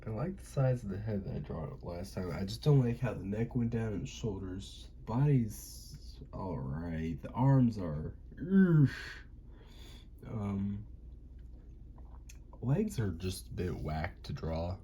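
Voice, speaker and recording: This is casual drawing commentary from an animation channel host, a young man with a Southern American accent who rambles and jokes to himself while sketching indoors at home. His lowish voice is animated and warm, moving at a measured pace over a slight hiss or hum.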